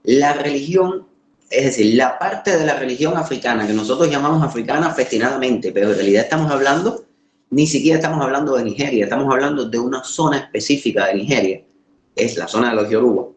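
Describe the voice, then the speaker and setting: A man from the Caribbean with a Caribbean Spanish accent gives an informal lecture, pausing to search for words and repeating phrases for emphasis. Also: medium pitch. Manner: emphatic repetition for rhetorical effect, halting word searches. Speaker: course lecturer. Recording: roomy, echoing sound.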